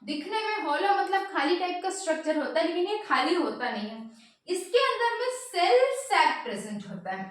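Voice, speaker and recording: A woman's voice: very high voice, very animated, normal speed. A woman teaching biology for exam prep, asking questions and answering them herself. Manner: repeats "ठीक है" often. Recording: very echoey room.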